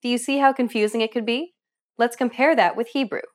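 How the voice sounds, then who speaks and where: A woman's voice: on the high side, steady tone, fairly quick. Woman narrating a scripted language lesson. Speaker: language course host.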